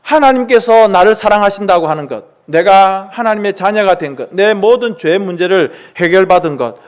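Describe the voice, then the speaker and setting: A man preaching, telling a story in a dramatic, animated way to his congregation. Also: sits high. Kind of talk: storytelling sermon.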